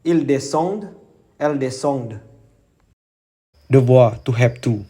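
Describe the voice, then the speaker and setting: A man reciting verb conjugations slowly and clearly as a language teacher. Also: mid-range voice, mellow. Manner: slow, deliberate, enunciated recitation. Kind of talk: slow conjugation drill.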